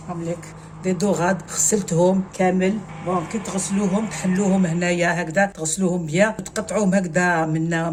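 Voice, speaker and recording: A woman with an Algerian accent, who hosts a cooking channel, casually guides viewers through a recipe one step at a time while mixing French words into her speech. Her voice is lowish and a little mellow.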